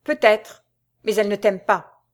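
A woman voicing a defiant young officer in an audiobook, with calm, cold-blooded delivery. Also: mid-range voice, a little slow, lightly acted. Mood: coldly defiant. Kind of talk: audiobook dialogue reading.

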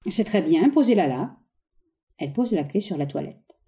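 Voicing a haughty, exasperated middle-aged gentleman, a woman reads a stage play aloud at normal speed. Her voice is on the low side with lively intonation, and the character's exclamations come out sharp and condescending.

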